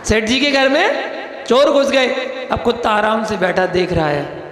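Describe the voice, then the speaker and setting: A man, a Jain monk, delivering a sermon through lively storytelling and rhetorical questions to his listeners. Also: high voice, measured pace. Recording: echoey hall with long reverb.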